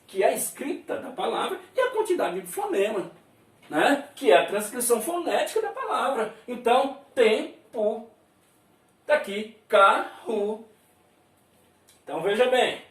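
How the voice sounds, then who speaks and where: A man from Brazil teaches a lesson, spelling out sounds slowly and chuckling as he explains. His voice sits high and moves animatedly up and down. He is heard from a distance in a roomy space. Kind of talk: classroom lesson at a board.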